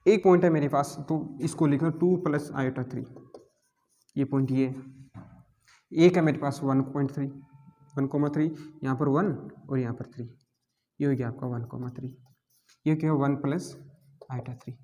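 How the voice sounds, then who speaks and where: A man's voice: medium pitch, fairly even intonation, moderate pace, long pauses, dark tone. A male math teacher, giving a classroom lecture and constantly asking and answering his own questions. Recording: long hall reverb.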